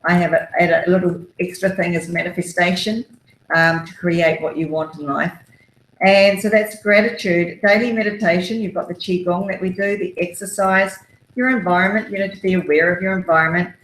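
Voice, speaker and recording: A woman's voice: lowish voice, steady tone, fairly quick, a bit bright, slight background noise. A woman, an author giving upbeat, encouraging self-help advice with many fillers. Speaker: author and guest. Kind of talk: motivational self-help talk. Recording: roomy echo.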